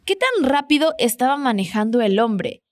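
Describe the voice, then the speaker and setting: A woman leading a Spanish lesson, prompting listeners to repeat phrases after her. She speaks clearly and patiently, encouraging learners along the way, in a fairly high voice. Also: very animated, moderate pace. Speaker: Spanish teacher. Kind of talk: language lesson with repetition drills.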